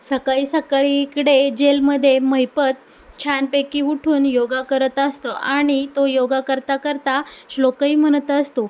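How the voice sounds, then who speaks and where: Female recap narrator for a TV serial; high-pitched, storytelling voice-over. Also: little pitch movement, unhurried, darkish tone. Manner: storytelling recap, addresses viewers directly. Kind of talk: voice-over retelling of a TV episode.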